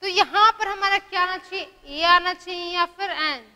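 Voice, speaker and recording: A very high, bright woman's voice with an Indian accent explains grammar to a class. She poses questions and answers them herself, and slows right down to dictate example sentences. A long reverb hangs in the room behind her. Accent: Indian English. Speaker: English grammar teacher.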